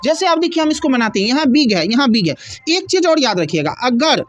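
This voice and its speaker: A woman with a high voice teaches a grammar lesson. She explains patiently step by step, posing questions and answering them herself. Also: very animated, brisk, muffled recording, faint music behind.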